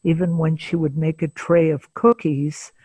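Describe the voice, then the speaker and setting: An older woman, a psychotherapist, telling a patient's story in an interview, measured and pausing often to gather her thoughts. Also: sits low, flat delivery, dark tone, husky, no room sound. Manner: measured, pauses often with filler sounds. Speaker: psychotherapist guest.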